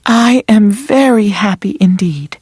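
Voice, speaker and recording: A woman voicing a calm ancient female spirit who speaks in a measured, formal way. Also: mid-range voice, slightly rough, dry recording, studio quality, voice pushed down. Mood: solemn.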